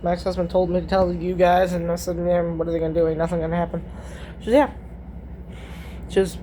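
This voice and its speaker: A woman's voice: on the low side, mellow, slight background noise. Blunt, chatty middle-aged woman. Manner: chatty, retells conversations with many "I said, she goes"; blunt, swears freely. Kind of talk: casual storytelling.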